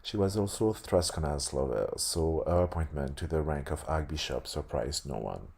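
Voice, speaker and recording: A man with a lisp reading aloud haltingly, stumbling and correcting himself, with casual asides. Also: extremely low pitch, vocal fry, darkish tone, slightly rough. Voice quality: lisp on s sounds. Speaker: host reading a tabletop game sourcebook aloud.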